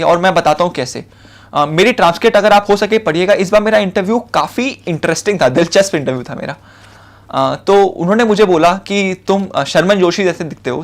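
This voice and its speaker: A young man with an Indian accent, giving a spoken lecture of interview advice in a casual, conversational way, with fillers and repeated short points. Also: high voice. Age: young adult. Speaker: civil services officer giving interview advice.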